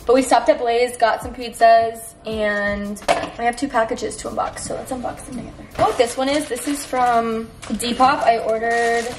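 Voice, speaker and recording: Chatty upbeat young woman vlogger. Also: fairly high pitch. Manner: chatty and upbeat, heavy use of "like" and "so cute". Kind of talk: casual vlog narration. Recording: handheld phone vlog with steady background noise.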